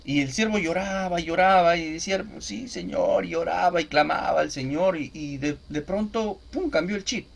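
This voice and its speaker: A man's voice: fairly high pitch, moderate pace, vocal fry, hardly any pauses. A man preaching a teaching sermon, often asking his listeners if they follow. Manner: animated, asks listeners "¿no?" and "¿de acuerdo?" often.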